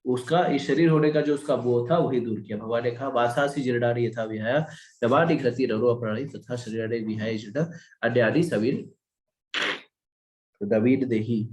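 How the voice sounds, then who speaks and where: Guy teaching a gita class, mid pitch, asks then answers himself, roomy echo. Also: normal speed. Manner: animated, asks and answers own questions. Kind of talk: devotional scripture class.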